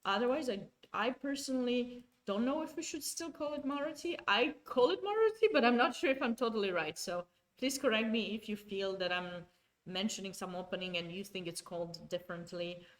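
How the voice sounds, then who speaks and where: This Romanian woman, a native Romanian speaker, talks fairly quickly in a mid-range voice with lively intonation. She's commentating chess live, chatting with her audience and frequently starting sentences over as she self-corrects.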